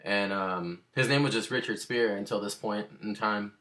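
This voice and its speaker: A man's voice: lowish voice, moderate pace, pushed and bright. A man casually telling a rambling, slangy story to the camera, full of fillers and asides.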